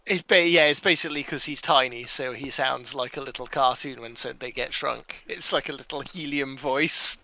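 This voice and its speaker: Bright, gravelly-voiced man player. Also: medium pitch. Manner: joking, halting restarts. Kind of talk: casual tabletop game chat.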